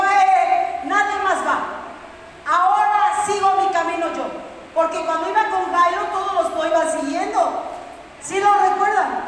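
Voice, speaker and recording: Woman preacher, very high voice, lively questioning style, booming hall from a distance. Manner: questioning the congregation, lively storytelling. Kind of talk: sermon. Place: church hall. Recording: echoey hall from far off, faint noise.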